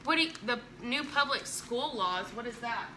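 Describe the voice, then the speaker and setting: A woman's voice: on the high side, animated, moderate pace, background noise. A woman hosting a casual craft live stream at home, chatting with viewers and joking and laughing a lot. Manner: joking, teasing, laughs often. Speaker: live-stream host demonstrating chalk crafts.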